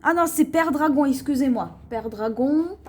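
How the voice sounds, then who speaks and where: This vlogger has a high, slightly mellow voice. She chats slowly through her shopping haul, showing each item, pointing things out with repeated "voyez," and occasionally stumbling and restarting names.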